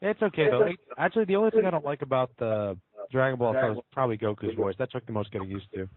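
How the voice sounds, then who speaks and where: A man jumps into a casual chat with quick, eager interjections. His pitch moves a lot and his speech comes fast. The line sounds thin and phone-like. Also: expressive, no echo. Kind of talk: casual chat about anime dubs.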